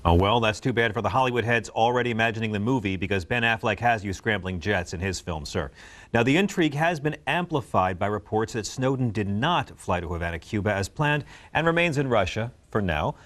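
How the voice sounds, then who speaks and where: A man's voice: lowish voice, a little fast. A man hosting a news talk show, reading scripted commentary with a wry, joking delivery. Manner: lively, wry delivery with dry jokes.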